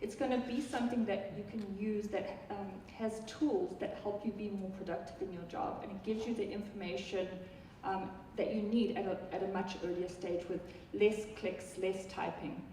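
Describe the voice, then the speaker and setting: Giving a live product talk to an audience, this software presenter from South Africa speaks chattily with a South African accent, often saying um and starting over. Her mid-range voice is warm and steady at a moderate pace, recorded from far off in an echoey hall with slight background noise.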